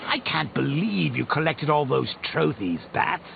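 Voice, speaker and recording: A gleefully sadistic clown supervillain for a video game. His voice swings widely and drags out words in slow, mocking taunts. The sound is dull and muffled, with music behind it. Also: a little high, sing-song, heavily acted. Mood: amused mockery. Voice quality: theatrical, creaky cackling voice. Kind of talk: theatrical video game villain acting.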